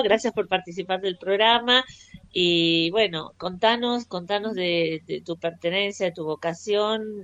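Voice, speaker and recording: A woman's voice: lowish voice, dry recording, dull audio. A woman hosting a radio interview, hesitant and full of fillers. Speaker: radio host.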